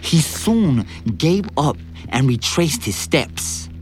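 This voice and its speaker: A man narrates a story in the first person, his pitch rising and falling lively as he tells the chase. Soft music plays faintly underneath the reading. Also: slow. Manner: vivid, expressive storytelling. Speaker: narrator and lead actor.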